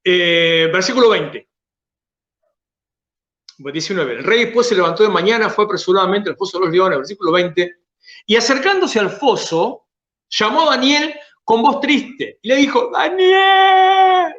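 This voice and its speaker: A pastor with an Argentine Spanish accent preaching a sermon, stretching key phrases for emphasis and then dropping to soft, low asides. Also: male voice, lively intonation, moderate pace, reverberant, muffled recording.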